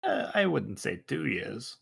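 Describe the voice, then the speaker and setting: A man playing a tabletop role-play game, speaking in character in an earnest, gentle, formal way. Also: mid-range voice, huge pitch swings, unhurried, creaky, breathy edge. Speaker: player.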